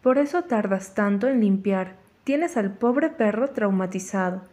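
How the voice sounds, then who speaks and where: A woman's voice: medium pitch, lively intonation, unhurried, darkish tone, lightly acted. Woman playing a bossy, scolding mother. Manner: scolding, ordering.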